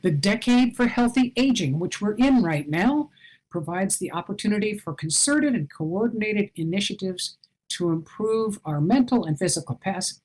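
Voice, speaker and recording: A woman's voice: lowish voice, darkish tone, low-quality recording. An older woman giving an online conference talk, earnest and advising, with self-deprecating asides, heard over a video call. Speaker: conference presenter.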